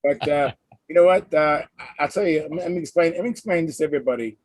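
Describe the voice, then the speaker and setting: A man hosting a casual live hangout, chatting in a halting, conversational way and reading out comments. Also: on the high side, no echo. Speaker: host of a hobby livestream hangout. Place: live online video hangout.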